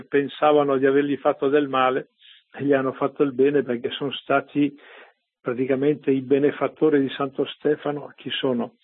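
Gravelly male preacher on tinny radio. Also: medium pitch. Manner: keeps asking "no?" and "vero?" to check with listeners. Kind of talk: conversational scripture preaching on radio. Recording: narrow phone-like radio sound.

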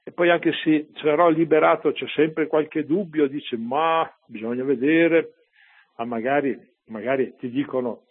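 Man, priest, conversational homily, rhetorical asides, husky tone, tinny radio sound. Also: fairly high pitch, unhurried. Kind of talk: preaching a homily on the readings.

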